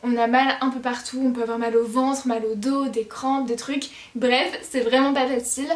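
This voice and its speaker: A woman's voice: high-pitched, level tone, moderate pace. A teenage woman vlogging to her viewers in a chatty, reassuring way, with frequent hesitations. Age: teens. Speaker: lifestyle vlogger. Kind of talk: casual talk to camera. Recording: roomy echo.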